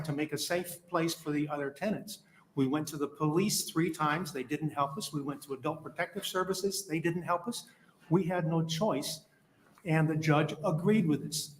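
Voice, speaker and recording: A man with a fairly high voice delivers prepared testimony as a landlord. He speaks firmly and reads from a statement. A faint hum sits under his words.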